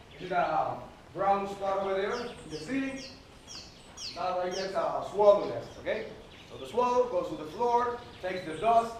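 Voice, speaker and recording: A man guiding a tour group, with his voice echoing through a cave. He often ends his points with a checking "okay?". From Puerto Rico. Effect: cave echo. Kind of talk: guided tour talk. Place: inside a limestone cave. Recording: booming cave echo from a distance, noisy.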